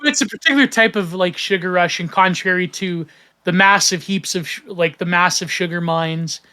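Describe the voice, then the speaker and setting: A man's voice: sits high, normal speed, pushed and bright, clean tone. A man from Canada, hosting a casual podcast chat, rambling with many fillers and restarts. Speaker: podcast host.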